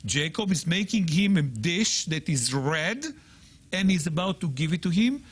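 Animated husky man teaching with emphasis. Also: fairly high pitch, moderate pace. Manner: emphatic, repeats and sounds out words. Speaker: guest Hebrew teacher. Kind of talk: animated teaching in a TV talk show.

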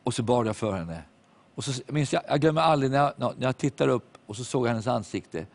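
A man preaching a sermon, telling a story with animated quoted voices and sudden hushed moments. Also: medium pitch. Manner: drops to hushed tones at reflective moments.

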